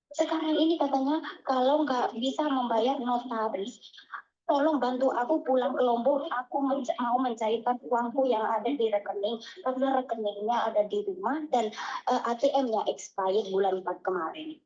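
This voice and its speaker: A woman calling in as a migrant domestic worker, telling her story haltingly and pleadingly with many restarts, over a muffled phone line. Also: on the high side, darkish tone. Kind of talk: phone call recounting a scam.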